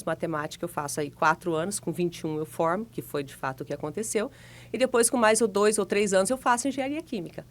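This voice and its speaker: Woman from parana in her 40s, slightly low voice, chatty and laughs easy, interview guest. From Paraná, Brazil. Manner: chatty, laughs easily, storytelling. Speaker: guest, financial consultant. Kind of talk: relaxed interview conversation.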